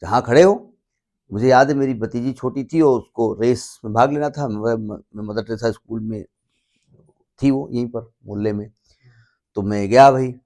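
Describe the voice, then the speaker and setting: A man's voice: mid-range voice, moderate pace, warm tone. Chatty male maths teacher. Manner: chatty, repeats points, mixes in English terms; stops often to check that students understand. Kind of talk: classroom lecture.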